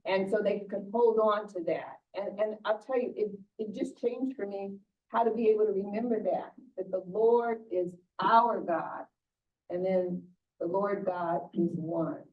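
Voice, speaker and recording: A woman's voice: mid-range voice, steady tone, measured pace. Older woman pastor, distant and muffled. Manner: conversational, many restarts and repeated words. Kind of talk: informal sermon talk. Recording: distant muffled church recording.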